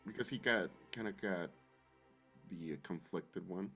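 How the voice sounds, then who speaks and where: A man's voice: sits low, measured pace, a bit bright, soft background music. A man playing a tabletop role-playing game, improvising narration of what his character does.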